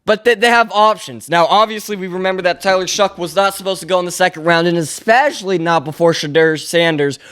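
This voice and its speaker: A man's voice: sits high, fairly quick, few pauses, a bit bright, clean tone. A young man hosting a solo sports podcast, rambling and opinionated, often stopping to correct himself as he talks through the news. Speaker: podcast host. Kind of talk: casual solo sports commentary.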